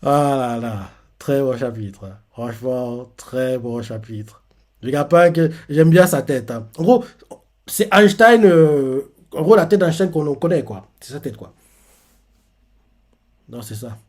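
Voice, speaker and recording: A man's voice: medium pitch, animated, slow pace, a little mellow. A man hosting a casual live manga reaction, rambling through the chapter with lots of fillers and restarts.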